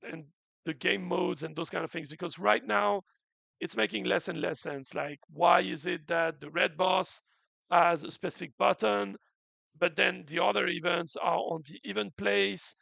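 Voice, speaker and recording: A man hosts a game's community stream, earnestly and casually explaining updates with many restarts, his throat a bit sore after the flu. His high voice is gravelly, pushed and bright with no echo, and he describes it himself as unusual.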